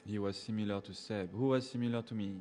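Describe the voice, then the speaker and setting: Talking fast in a voice on the low side, the French-accented safari guide from a French-speaking background reads live comments aloud and answers viewers by name. His manner is relaxed and full of laughter, and there's slight background noise.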